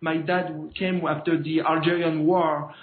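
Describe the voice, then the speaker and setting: Man, French accent, native French speaker, halting interview talk, searching for words, echoey thin phone-like recording. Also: on the high side, little pitch movement. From France. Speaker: interview guest. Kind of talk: conversational political interview.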